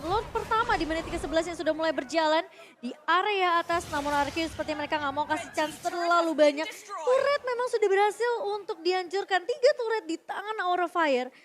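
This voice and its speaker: An Indonesian woman commentating live on an esports match. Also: very high-pitched. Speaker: esports caster. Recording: clear background noise and ambience.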